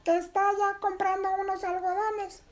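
A woman's voice: extremely high pitch, flat delivery, moderate pace. A woman voicing a small playful storybook animal friend, chatting and joking inside a children's story. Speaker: co-narrator.

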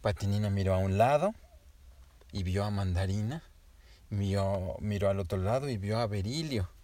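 A man telling a child an improvised bedtime story, gently and animatedly addressing the listener. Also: lowish voice, moderate pace.

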